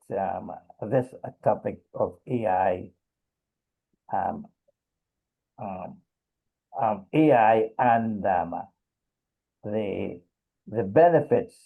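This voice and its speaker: A middle-aged man from Trinidad, speaking haltingly in a casual discussion with many pauses and fillers. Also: fairly low pitch, gravelly. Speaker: discussion participant. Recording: tinny phone-like video call audio.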